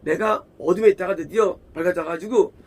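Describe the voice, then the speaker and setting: Husky, high-voiced Korean pastor preaching. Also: male voice, brisk. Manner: emphatic, repeats phrases, asks rhetorical questions. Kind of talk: sermon.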